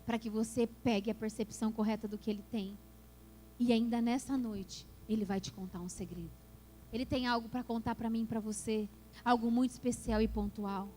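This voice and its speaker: A woman's voice: on the high side, steady tone, fairly quick, mellow, a little hiss or hum. A woman pastor preaching a passionate sermon that builds to emphatic peaks in a church. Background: worship music.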